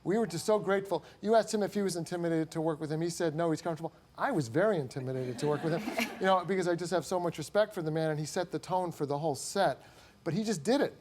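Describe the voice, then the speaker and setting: Director guy on a talk show, chatty and excitable, laughs a lot, slightly high voice, bit of room hiss. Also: quick pace. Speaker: film director guest.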